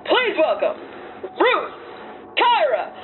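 Lady doing a big booming dragonborn hype man, voice amplified by magic, way up high and all over the place, muffled audio. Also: huge pitch swings, takes it slowly, slight background noise, exaggerated voice. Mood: announcing. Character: showy male dragonborn arena announcer. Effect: magically amplified announcer voice. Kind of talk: tabletop game voice acting. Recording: dull lo-fi audio with music behind.

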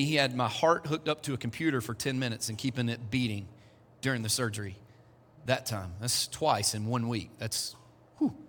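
A pastor in his 40s, with a medium-pitched and slightly bright voice, gives a conversational sermon full of joking asides to his congregation. The setting is a church hall, and the recording echoes.

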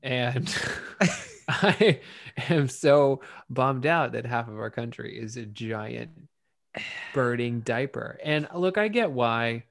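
A man's voice: medium pitch, lively intonation, takes it slowly, creaky, dry recording, studio quality. A man co-hosting a podcast, chatting casually about politics in a profane, sarcastic, rambling way. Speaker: podcast co-host.

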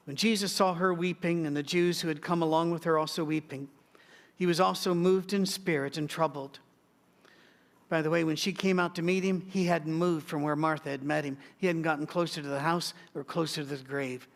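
Middle-aged guy preaching, high voice, storytelling w/ little jokes thrown in. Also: fairly even intonation, brisk, creaky. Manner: storytelling with joking asides. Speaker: pastor. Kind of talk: sermon.

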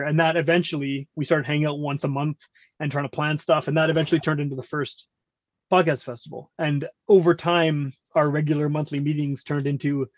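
With a fairly high voice and no room sound, a middle-aged man talks casually as a podcast guest; he hosts a music podcast himself. He rambles, says a lot, and keeps cutting into his own explanations.

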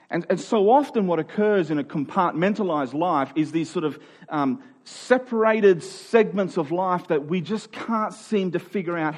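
A man with a fairly high-pitched voice preaches in an earnest, informal, conversational way, explaining as he goes and leaning on key phrases for emphasis.

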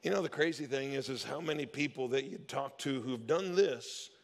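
A man's voice: medium pitch, moderate pace, gravelly, long reverb tail. A man preaching a sermon as the church's pastor, telling stories in a casual, conversational way and acting out the people he quotes. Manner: conversational storytelling, acts out quoted voices.

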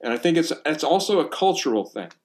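Animated man telling stories casually. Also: fairly high pitch, fast. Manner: animated storytelling, acts out exclamations. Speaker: percussion teacher. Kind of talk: casual conversation.

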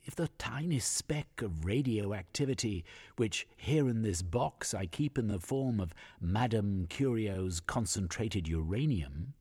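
A man voicing an eccentric, excitable older gentleman scientist with a fussy, musing manner. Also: lowish voice, husky, heavily acted.

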